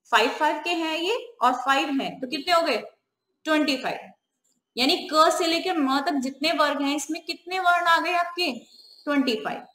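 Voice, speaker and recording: A woman teacher giving a grammar lesson, asking questions and answering them herself, and slowly repeating the key terms. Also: sits high, sharp tone, echoey room.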